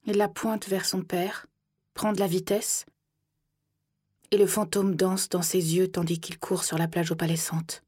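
A woman narrating an audiobook in the first person, soft and measured, often slipping into whispers. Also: lowish voice, little pitch movement, slightly rough, no room sound, studio quality.

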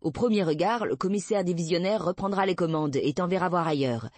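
A woman voicing a wry, steady male police detective, read in a dry, calm, patient manner. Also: lowish voice, brisk, dry recording, close to an everyday voice.

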